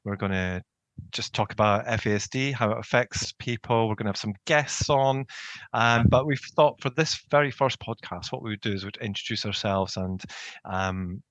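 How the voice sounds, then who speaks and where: A man's voice: on the low side, dry recording. A man hosting a podcast in a casual, informal and jokey conversational style. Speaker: podcast host. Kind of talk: casual banter chat.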